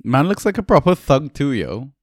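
A man co-hosting a casual sports podcast, chatty and relaxed, laughing often as he talks. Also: mid-range voice, moderate pace, no echo, studio quality. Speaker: podcast co-host.

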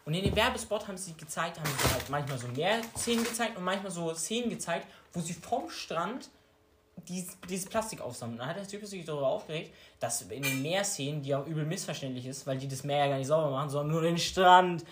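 A man's voice: fairly high pitch, animated, a little fast. A young man chatting casually with friends as a podcast co-host, slangy and mixing in English words. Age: young adult. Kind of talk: casual chat among friends. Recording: roomy echo, faint noise.

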